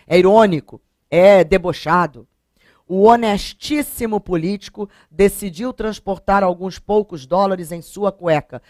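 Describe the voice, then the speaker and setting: Brazilian lady teacher doing a grammar class, kinda low voice, dry no-echo sound. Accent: Brazilian Portuguese. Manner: lively, addresses viewers directly, reads examples slowly. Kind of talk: recorded grammar lesson.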